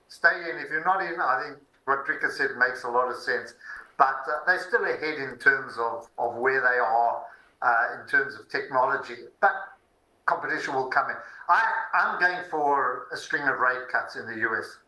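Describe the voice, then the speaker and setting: A man's voice: mid-range voice, moderate pace, sharp tone. A man gives unscripted market commentary as a guest investment professional. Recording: echoey room sound.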